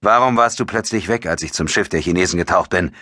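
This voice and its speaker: A man's voice: low-pitched, quick pace, pushed and bright, no room sound, studio quality. A male narrator voicing a grim, angry male soldier who speaks in curt accusations in an audiobook. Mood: accusing.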